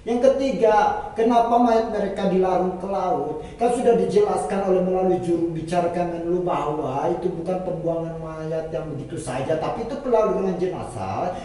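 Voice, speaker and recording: Here is a composed male guest on a talk show, played by a man in an acting class. He picks his words slowly and stumbles into restarts. The room is very echoey, and he sounds far from the mic. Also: high voice, warm tone, close to an everyday voice. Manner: measured, hesitant, restarts often. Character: calm male guest defending the government. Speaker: studio debate guest. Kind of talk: staged TV debate role-play.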